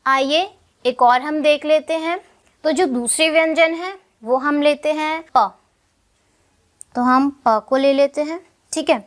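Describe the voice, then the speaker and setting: A young woman teaching a shorthand lesson step by step, patiently asking questions and answering them herself. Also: high-pitched. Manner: slow, patient, checks in with "ठीक है" often.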